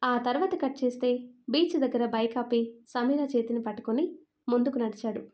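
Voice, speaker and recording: High-voiced woman narrating a story. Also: fairly quick, darkish tone.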